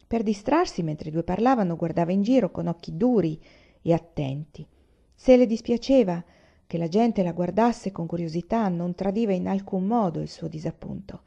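A woman reading a novel aloud in a measured, expressive way. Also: on the low side, creaky, dull audio. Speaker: audiobook reader. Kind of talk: literary audiobook narration.

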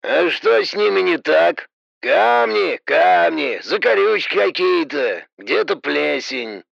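A man voicing a gruff, mocking male perimeter guard heard over a two-way radio, hoarse and rasping, drawing his words out slowly and tauntingly. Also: on the high side, sing-song, fairly bright tone, no echo, pitched above the performer's own voice, heavily acted. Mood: dismissive. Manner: slow, taunting, drawn-out delivery. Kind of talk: audiobook character voice. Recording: muffled radio transmission.

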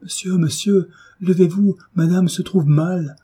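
A man's voice: mid-range voice, normal speed, dark tone, husky, voice pushed up. Man doing a fretful servant woman. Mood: alarmed. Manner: fretful and pleading. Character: panicked older female servant.

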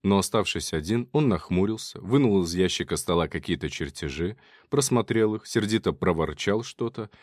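A man narrating a novel in a measured, expressive reading voice. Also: deep voice, no room sound, clean studio sound. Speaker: audiobook narrator.

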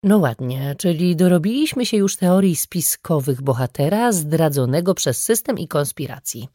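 A woman narrating an audiobook in the first person, with steady, dry storytelling on a close microphone. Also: low-pitched, normal speed, dry recording.

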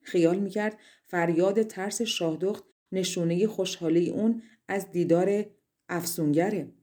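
A woman from Iran narrating a fairy tale audiobook in a measured storytelling manner. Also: lowish voice, mellow.

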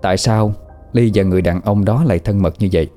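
A man narrating a ghost story in a steady, sorrowful manner. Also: fairly low pitch, fast, faint music behind.

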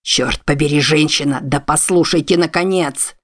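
A woman's voice: sits low, normal speed. A woman voicing a desperate, bearded former soldier who talks in an urgent, pleading, breathless way.

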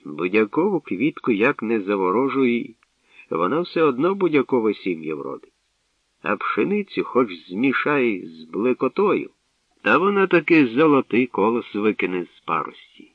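A man voicing a wise old bard who speaks in measured, sage-like sayings, in a tinny, distant radio recording. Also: fairly low pitch, big pitch swings, no room sound. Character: wise old male bard, calm and sly.

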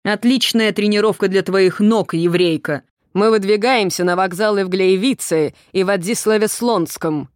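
A reader voicing a brutal male camp guard who shouts orders and mocks the prisoners, in an audiobook. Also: mid-range voice, moderate pace, few pauses, no room sound, clean studio sound, natural voice. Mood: barking. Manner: loud, barking orders, mocking.

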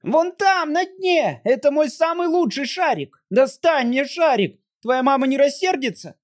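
An excitable little boy, darts through his lines in a high, piping voice full of childish exclaiming. He is eager and impulsive, a storybook child. The sound is close and dry, with no room around it. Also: unhurried, no echo. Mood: excited. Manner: breathless, shrill childish exclaiming. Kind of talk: audiobook reading.

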